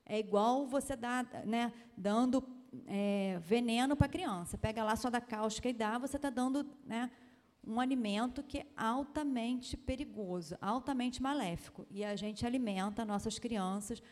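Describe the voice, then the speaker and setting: A woman's voice: on the high side, moderate pace, darkish tone, big-room sound. A woman pediatrician from Brazil giving a chatty, emphatic lecture-style talk, often ending phrases with tag questions.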